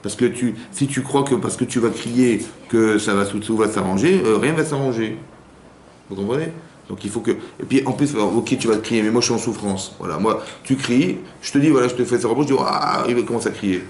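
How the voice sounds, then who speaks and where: A rabbi with a mid-range voice and brisk pace teaches an informal class to women in a community hall. He speaks conversationally, restarting and repeating a lot, and plays the roles of quoted spouses. The room is echoey, with a faint hum in the background.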